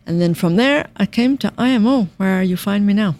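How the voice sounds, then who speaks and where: A woman in her fifties from Ireland, appearing as a guest who serves as a UN finance director, answers interview questions in a measured manner and lists items at length. She has a softened Irish accent and a medium-pitched voice.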